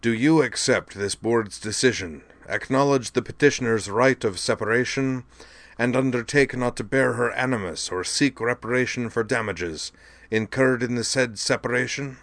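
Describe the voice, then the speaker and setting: Man putting on a formal board chairman, raised a little in pitch and set apart in tone from the narration. He pronounces rulings in a stiff, officious manner, every word measured. The recording stays close and dry. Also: fairly bright tone, no room sound, lightly acted. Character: formal male doctor chairing a review board. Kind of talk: audiobook dialogue.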